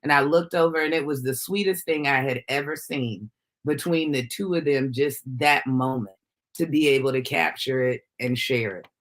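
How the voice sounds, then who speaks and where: A woman presenter narrating family photos in an animated, storytelling manner. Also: extremely low pitch, normal speed. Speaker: workshop presenter, family caregiver.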